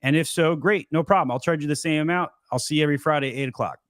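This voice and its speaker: A man's voice: fairly high pitch, racing, fairly bright tone, dry recording, studio quality. A man hosting a live question-and-answer stream, giving blunt, joking advice in a casual chat. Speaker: host of a live seller Q&A.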